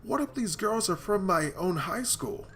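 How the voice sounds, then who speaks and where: A man's voice: high voice, animated, unhurried, a bit bright. Man reading a visual novel aloud. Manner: dramatic reading broken by joking asides. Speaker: gaming channel host.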